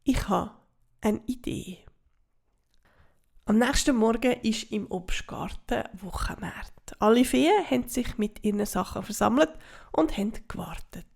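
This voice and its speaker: A woman with a Swiss German accent reading a children's story aloud in a soft, half-whispered way. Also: mid-range voice, animated, moderate pace, vocal fry, slightly rough.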